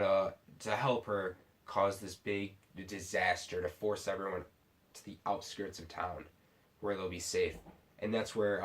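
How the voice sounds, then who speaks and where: A tipsy man giving a casual, unscripted movie review in a rambling, halting way, often restarting his sentences. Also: low voice. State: tipsy from drinking sake. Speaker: film reviewer.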